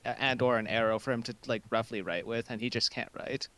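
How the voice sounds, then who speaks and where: A man's voice: mid-range voice, steady tone, a little fast, fairly bright tone. A man playing a tabletop game, chatting casually with the group. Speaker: player.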